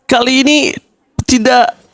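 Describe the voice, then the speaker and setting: An excitable Indonesian man commentating live on an esports match, mixing English gaming phrases into his speech. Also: very high-pitched, slow pace. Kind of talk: live play-by-play game commentary.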